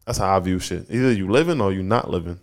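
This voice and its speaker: A man in his twenties co-hosting a podcast, talking loosely and laughing often, rising high when he jokes. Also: fast. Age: 20s. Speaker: podcast co-host. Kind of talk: casual chat.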